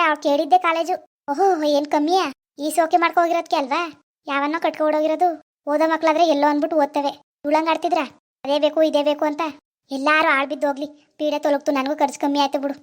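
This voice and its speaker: A bitter, grumbling village husband lashes out in a cartoon household, played by a woman. His voice sits high for a man and comes out fast and harsh. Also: lightly acted. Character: angry village husband, grumbling about expenses. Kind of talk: cartoon voice acting.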